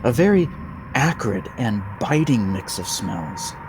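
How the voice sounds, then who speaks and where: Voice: mid-range voice, very animated, a little slow, noisy background. A narrator telling a scripted creepypasta horror story in a theatrical, dramatic manner.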